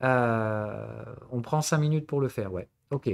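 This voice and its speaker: This trading instructor and stream host, a man from southern France, has a medium-pitched, creaky voice and speaks slowly. Answering the chat during his live-streamed lesson, he tutors casually, blends formal with familiar address, and keeps checking in with "okay?" and "right?"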